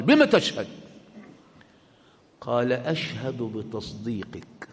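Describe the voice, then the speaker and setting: A man with an Egyptian accent preaching a sermon, swinging between loud bursts and quiet asides. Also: mid-range voice, in a large hall. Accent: Egyptian Arabic.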